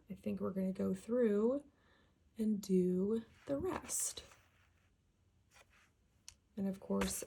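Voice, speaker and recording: Working on her coloring at home, the host of a coloring channel talks casually in a raspy, medium-pitched voice. Her delivery is soft, relaxed and slightly self-conscious, frequently dropping to a half whisper, with a faint hiss or hum behind her.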